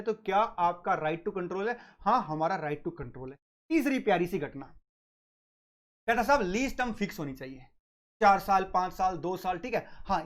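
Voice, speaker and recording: A man giving a classroom lecture on accounting, asking his students questions and answering them himself, and fondly addressing them as "beta" and "sahab". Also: sits high. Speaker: accounting exam tutor.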